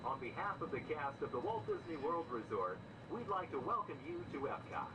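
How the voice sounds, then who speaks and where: A man's recorded loudspeaker announcement on a moving train, polite and scripted, with a lively rise and fall. His voice plays from a speaker at a distance. Loud vehicle noise runs underneath. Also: on the high side, brisk. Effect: onboard loudspeaker announcement. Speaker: monorail announcer.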